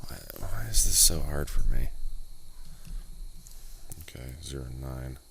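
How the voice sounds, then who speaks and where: A man's voice: extremely low pitch, a little slow, pushed and bright, slight background noise. A young man co-hosting a podcast in casual chat, loose and profane, rambling and restarting his sentences. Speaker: podcast co-host.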